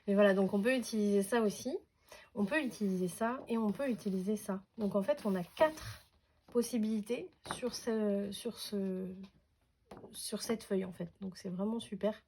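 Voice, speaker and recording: A woman talks through a craft parcel unboxing, pausing often and restarting her sentences. Her voice is mellow and sits at a middle pitch. A faint noise is heard behind her. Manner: hesitant, many fillers and restarts. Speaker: craft vlogger. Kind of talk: casual unboxing chat.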